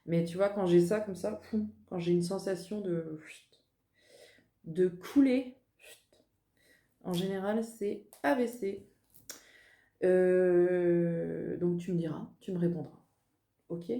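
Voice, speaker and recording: A chatty woman working as a medium does a casual spoken card reading indoors at her desk, in a warm, mellow voice pitched a little low. She mocks herself and laughs at herself as she goes, and the room gives her voice a roomy echo.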